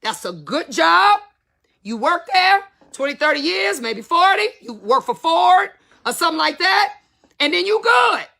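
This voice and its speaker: A woman's voice: very high voice, big pitch swings, measured pace, vocal fry, pushed and bright. A woman in her fifties, a salon business educator, talking candidly and emphatically to her viewers in casual slang. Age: 50s.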